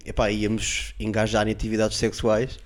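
A podcast co-host with a European Portuguese accent and a lowish voice tells comic stories in casual chat at normal speed. He's animated and laughs loudly at his own tales.

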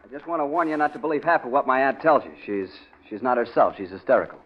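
An actor playing an agitated, pushy young nephew in a 1940s radio drama. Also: male voice, medium pitch, quick pace, husky, lightly acted. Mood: urgent, indignant. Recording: dull vintage radio recording.

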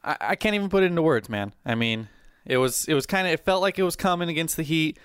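A man's voice: on the high side, lively intonation, quick pace, a bit bright, smooth, no echo, clean studio sound. A man hosting a sports podcast in casual chat, talking with rambling fan enthusiasm. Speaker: podcast host and sports writer.

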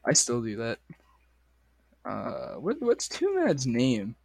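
A man with a strained, sore voice hosts a casual podcast chat, full of crude and excitable banter. His pitch sits in a plain middle range, and the sound is dry and close. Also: takes it slowly, gravelly, no room sound. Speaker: podcast host.

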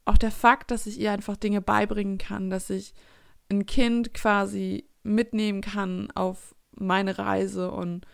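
A woman's voice: medium pitch, level tone, takes it slowly, creaky, clean tone, no room sound, clean studio sound. A woman in her twenties talking reflectively in a casual personal monologue, often searching for her words. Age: 20s.

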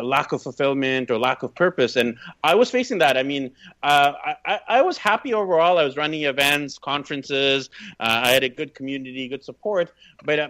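On slightly dull, lo-fi audio, a Canadian man in his thirties chats emphatically about his own experiences as a guest on a podcast. His voice sits in the mid-range and has a fairly bright tone.

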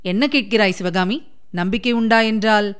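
A woman reading the part of a young prince who speaks calmly and reassuringly to his beloved. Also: medium pitch, normal speed, clear, resonant tone, natural voice. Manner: calm, reassuring.

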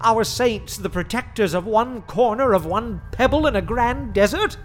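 An actor playing a learned, formal man who speaks in ornate, deliberate phrases. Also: sits high, animated. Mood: awed. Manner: formal, ornate, slow speech.

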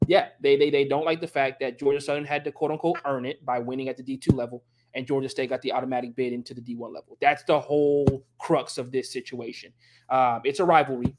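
A man's voice: mid-range voice, little pitch movement, fast, slight background noise. A man co-hosting a sports podcast, giving opinionated analysis in casual chat and teasing rival fans. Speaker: podcast co-host.

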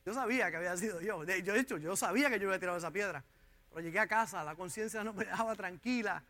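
Very high, bright-voiced male pastor preaching. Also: rapid-fire. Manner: impassioned preaching, addressing the congregation directly. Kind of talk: sermon. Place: church.

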